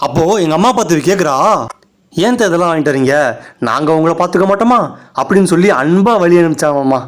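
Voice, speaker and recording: A man's voice: a little high, lively intonation, quick pace, lightly acted. A man playing an exasperated young husband complaining to his father-in-law in a comedy skit. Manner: complaining, scolding.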